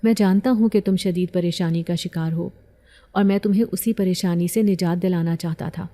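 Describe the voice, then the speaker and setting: A woman's voice: lowish voice, fairly even intonation, mellow, natural voice. A woman voicing an earnest, protective young educated man in an audio story, speaking urgently. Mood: worried.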